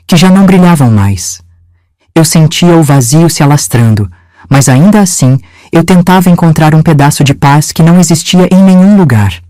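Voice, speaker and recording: A woman in her seventies from Minas Gerais, narrating her own life story in a gentle, measured, confiding way. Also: low voice, dry recording. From Minas Gerais, Brazil. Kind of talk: scripted first-person storytelling.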